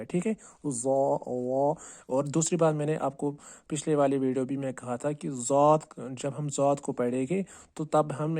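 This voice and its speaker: Man, recitation teacher, very slow pace, soft dark tone, draws out syllables, asks and answers his own questions. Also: mid-range voice, dry recording. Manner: repeats words slowly, drawing out the sounds to demonstrate. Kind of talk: tajweed lesson on letter pronunciation.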